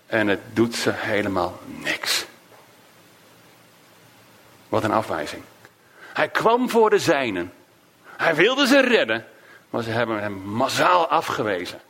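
A man preaching a sermon, emotive, swinging between raised emphasis and hushed, low phrases. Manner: slow, drawn-out delivery of quoted cries.

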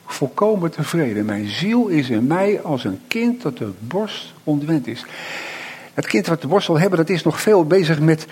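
A middle-aged man preaching a sermon, reflective, with slow emphatic pauses and frequent tag questions. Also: on the high side, sing-song, a little mellow, husky.

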